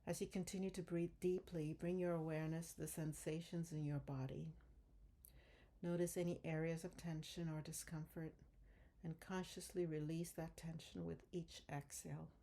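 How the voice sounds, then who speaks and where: A middle-aged woman from Ghana, a dentist and coach presenting a webinar in a measured, deliberate way. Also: fairly low pitch, dark tone.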